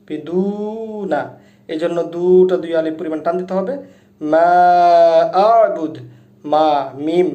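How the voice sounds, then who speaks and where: A man teaches recitation, explaining each letter carefully and chanting each verse slowly and loudly. His voice sits fairly high but sounds mellow. The room around him is echoey. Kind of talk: slow step-by-step recitation lesson.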